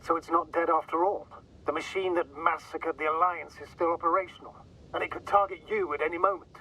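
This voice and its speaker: An actor playing a calm, dry male mission commander, heard through a radio transmission filter. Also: fairly high pitch, brisk, distant mic, a little hiss or hum, low-quality recording. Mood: composed. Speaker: mission controller. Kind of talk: video game voice acting.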